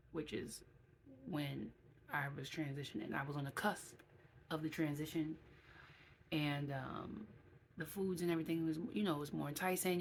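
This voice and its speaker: A woman's voice: low voice, vocal fry, slight background noise. A woman in her late thirties giving a casual vlog update, chatty and reading from her own notes with asides. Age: 30s. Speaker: vlogger.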